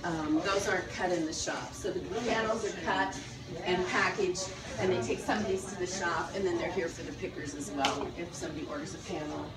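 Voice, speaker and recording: A woman's voice: lowish voice, brisk. A woman guiding an informal tour, explaining things as she goes, recorded in a large indoor warehouse. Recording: echoey, noisy warehouse, distant microphone. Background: loud warehouse ambience.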